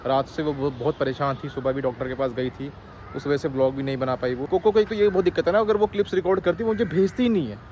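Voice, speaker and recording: A man with a slightly high voice talks straight to his viewers, half preaching and half joking. He is recorded on a phone held at arm's length. Faint city noise sits behind him. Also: fast, a little mellow. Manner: mock-scolding, preachy then chatty. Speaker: vlogger. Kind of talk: casual vlog talk to viewers.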